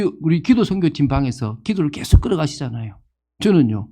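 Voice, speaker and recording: Pastor, man in his fifties, sermon delivery, animated and questioning, warm and husky tone. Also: fairly high pitch. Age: 50s. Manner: animated, asks the congregation questions and acts out quoted people.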